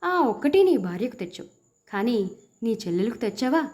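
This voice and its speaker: A woman's voice: a little high, very animated, brisk, darkish tone. A woman voicing a stern hospital nurse in a storybook, scolding in a reproachful tone.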